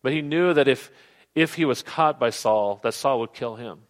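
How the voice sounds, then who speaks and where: A man preaching a sermon, earnest, often dropping to soft, low tones for emphasis. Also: normal speed. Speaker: pastor.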